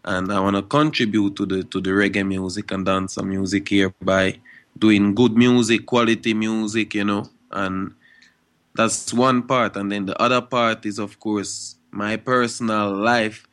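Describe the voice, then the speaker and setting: Young male reggae artist, low voice, relaxed interview talk full of verbal tags. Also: normal speed. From Guadeloupe and Switzerland. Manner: laid-back, frequent "you know" and "you understand" tags.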